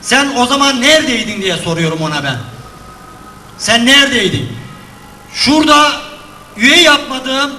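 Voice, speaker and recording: Older man, podium microphone, high voice, sharp bright tone, aggrieved emphatic speech, echoey congress hall. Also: animated, normal speed, pauses often, soft background music. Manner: aggrieved, emphatic, repeating his points. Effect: speaking from a podium microphone to a hall. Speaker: retired teacher speaking at a party congress. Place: large congress hall indoors.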